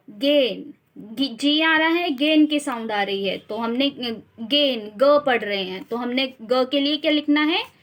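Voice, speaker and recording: A young woman teaching shorthand, slowly repeating each sound and example word to drill it. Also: high voice, fairly bright tone. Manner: slow, repeats sounds and words to drill them. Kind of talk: instructional explanation.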